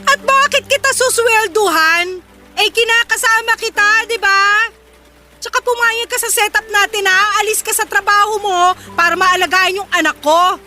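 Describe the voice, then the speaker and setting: An actress playing a tired working mother in a radio drama, scolding and sarcastic as she shouts at her partner. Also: very high-pitched, normal speed, heavily acted. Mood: angry scolding. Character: sharp-tongued working mother, exhausted and scolding. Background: music bed.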